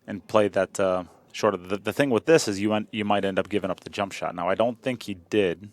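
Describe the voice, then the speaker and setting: A man's voice: on the low side, brisk, no echo. A man commentating a pool match in a chatty, joking way, often repeating himself. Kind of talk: live sports commentary.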